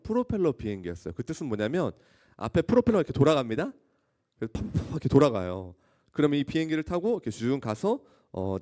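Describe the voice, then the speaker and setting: A man preaching a sermon as a youth pastor to high school students, telling stories with lively exclamations and questions to the audience. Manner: animated storytelling, often asking the audience questions; acts out scenes with loud exclamations.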